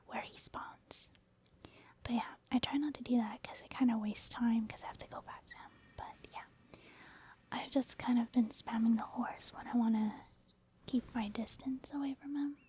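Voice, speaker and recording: In a fairly high, breathy near-whisper, this ASMR gaming host talks through the game softly. Her explanations come across as relaxed and gentle.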